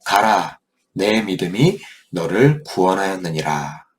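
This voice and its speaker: A man voicing a calm, kind male teacher figure, speaking in a low, measured, gentle way in a children's Bible story. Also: heavily acted.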